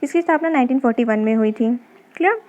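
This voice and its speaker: A woman's voice: fairly high pitch, fast, darkish tone. A woman teaching an exam-prep lesson, explaining memory tricks patiently and answering her own questions. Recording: dull lo-fi recording.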